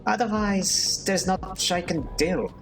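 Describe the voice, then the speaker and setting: A man's voice: sits high, measured pace, over music, voice pushed up. A man voicing a weary, loyal man who speaks bluntly and pleads for help, while reading a game aloud. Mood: troubled.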